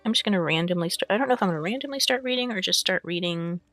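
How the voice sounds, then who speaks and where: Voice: medium pitch, lively intonation, rapid-fire, fairly bright tone, no echo, faint music behind. A streamer talking casually to chat with lots of fillers, then reading a fantasy book aloud; they have the hiccups. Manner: chatty, rambling, with frequent fillers and throat clearing. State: has the hiccups. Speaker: streamer and VTuber reading lore books.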